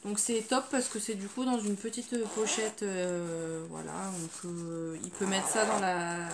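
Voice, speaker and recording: A woman's voice: medium pitch, fairly even intonation, unhurried, noisy background. A woman chatting casually through her grocery haul, full of fillers and trailing off with "voilà". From France. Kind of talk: casual haul video chat.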